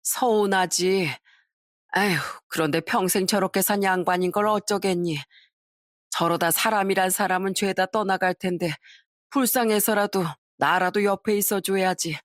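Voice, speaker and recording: A woman voicing a weary, patient mother-in-law in her sixties who speaks softly and slowly. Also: mid-range voice, no echo, studio quality, close to an everyday voice. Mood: resigned. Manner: soft, slow, resigned.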